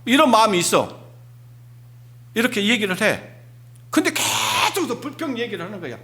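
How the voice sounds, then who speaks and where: A pastor preaching an emphatic Sunday sermon, firing rhetorical questions at the congregation. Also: male voice, sits high, very animated, normal speed, sharp tone.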